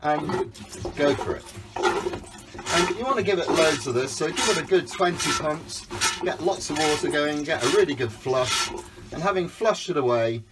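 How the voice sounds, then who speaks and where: An expressive sailing school skipper in his fifties, his voice on the high side and his pace moderate, gives a casual walkthrough of a small yacht from the outside into the cabin. The handheld phone footage carries heavy background noise as he explains each step in a friendly, practical way.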